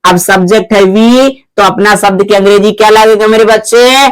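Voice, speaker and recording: A man's voice: sits high, fairly even intonation, moderate pace, clean tone, low-quality recording. A man teaching English grammar in a video lesson, who keeps asking his viewers questions and answering them himself, calling them his children. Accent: Hindi-speaking North Indian. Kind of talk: classroom-style video lesson.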